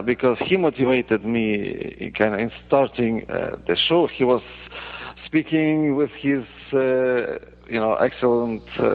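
Guest: Russian-accented man, halting, gravelly, heard over a tinny phone line. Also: medium pitch. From Ukraine. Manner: halting, many filler pauses. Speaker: podcast guest. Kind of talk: casual interview chat.

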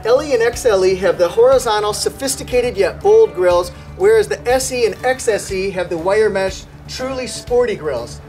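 A middle-aged man presents a car walkaround outdoors at a race track, sounding upbeat and salesy. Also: high voice. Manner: enthusiastic, salesy. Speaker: car reviewer. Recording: music bed under voice.

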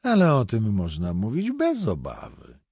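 A man voicing a composed male editor who answers calmly, politely and matter-of-factly in an audiobook. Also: lowish voice, measured pace, slightly rough, dry recording, clean studio sound, heavily acted. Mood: calm, assured. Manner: calm, polite, matter-of-fact. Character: composed male literary editor, diplomatic, self-assured.

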